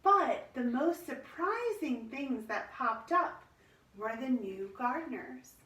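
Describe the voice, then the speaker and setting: Woman, children's read-aloud, lively swooping intonation, expressive storyteller, roomy distant microphone. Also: high-pitched, slow. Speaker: storybook reader.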